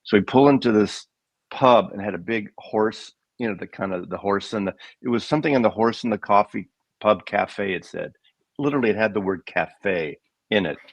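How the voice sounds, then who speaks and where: A man's voice: lowish voice, moderate pace, no room sound. An older American man rambling through stories as co-host of a casual livestream chat. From United States. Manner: rambling storyteller, digressive.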